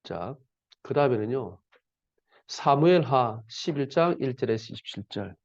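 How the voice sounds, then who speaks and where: Lively conversational male pastor preaching. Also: mid-range voice, moderate pace, no echo. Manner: conversational, rhetorical questions, colloquial. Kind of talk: sermon. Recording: dull lo-fi, dry.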